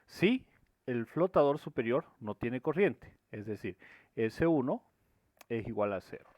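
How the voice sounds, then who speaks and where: A man's voice: medium pitch, animated, unhurried, a little mellow, no room sound. Man teaching a logic lesson step by step. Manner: explains step by step, often checks with "¿sí?". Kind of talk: screen-recorded programming lesson. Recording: dry, dull lo-fi recording.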